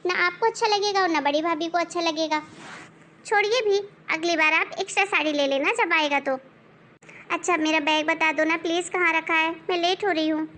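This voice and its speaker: A woman voicing a sensible young college girl who calmly reasons with her sister-in-law. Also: very high voice, brisk, a little hiss or hum. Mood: coaxing. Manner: reasoning, coaxing.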